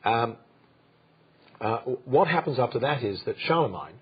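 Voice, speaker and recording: Halting, husky-voiced man explaining history. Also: medium pitch, expressive. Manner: halting, many fillers and restarts. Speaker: co-host, history presenter. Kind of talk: unscripted history talk. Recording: dull lo-fi sound.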